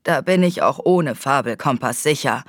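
A woman's voice: very deep voice, lively intonation, normal speed, dry recording, clean studio sound, pitched below the performer's own voice. A woman reading an audiobook, voicing a grumpy male secret agent with a cold who growls and grumbles his lines.

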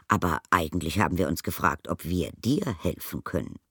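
A woman's voice: extremely low pitch, expressive, a little fast, fairly bright tone, husky, dry recording, clean studio sound, heavily acted. A woman voicing a cautious, hesitant middle-aged husband in a storybook reading.

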